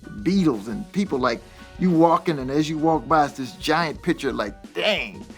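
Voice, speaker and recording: A man, a musician guest, telling stories in a casual, animated way, laughing often and acting out the voices of people he quotes. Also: on the high side, moderate pace, faint music behind. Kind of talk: casual anecdotal storytelling.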